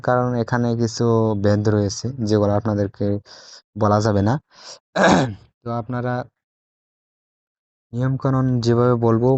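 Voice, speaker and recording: A man speaks straight to his viewers with a boastful, salesman-like push, circling back over the same phrases again and again. His voice is mellow and dark. The recording is dry and dull. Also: mid-range voice, no echo. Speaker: self-styled tantric teacher. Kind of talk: casual spoken video talk to viewers.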